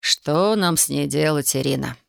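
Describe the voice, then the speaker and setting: A woman's voice: deep voice, normal speed, gravelly, dry recording, studio quality. A woman reading an audiobook voices a terse father in his forties who speaks curtly. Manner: curt, sighing.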